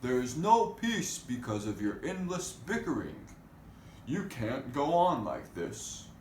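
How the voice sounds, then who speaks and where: A man's voice: medium pitch, sing-song, takes it slowly, voice pushed up. A man voicing a large male toad in a storybook read-aloud, scolding and admonishing with emphasis. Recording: echoey room with faint noise.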